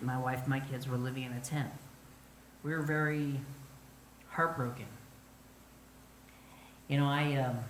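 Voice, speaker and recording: A middle-aged man from northern Arizona telling his own story in an earnest, halting way, with many pauses and fillers. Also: mid-range voice, a bit bright, echoey room, a little hiss or hum, poor audio. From northern Arizona, United States. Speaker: Navajo flute musician telling his story. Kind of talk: personal storytelling to an audience.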